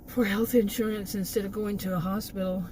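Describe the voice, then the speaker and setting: A medium-pitched woman speaks a little fast with fairly even intonation, noise audible behind her. She's an American food delivery gig worker from Texas whose rambling vlog rant sounds exasperated, dotted with chuckles.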